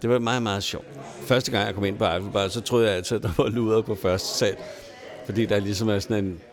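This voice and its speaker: A man's voice: fairly low pitch, steady tone. Chuckling man spinning yarns. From Denmark. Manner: chuckling, colloquial and salty. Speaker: storyteller. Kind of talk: casual anecdote telling. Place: neighbourhood pub.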